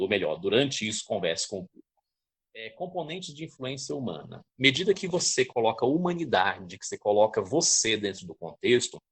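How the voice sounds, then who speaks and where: Teaching a public speaking lecture, this man from Brazil uses a lowish, husky voice. He's didactic, stresses points with lively emphasis, and frequently checks in with his listeners.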